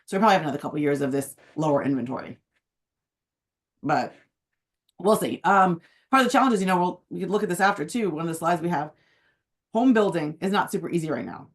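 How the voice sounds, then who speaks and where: A woman with a hoarse, phlegmy voice that sits on the low side. She talks about the housing market in a chatty, casual way, with plenty of fillers. She sounds like a real estate agent giving a relaxed weekly update. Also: fast, pauses often. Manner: chatty, uses many fillers. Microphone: video call.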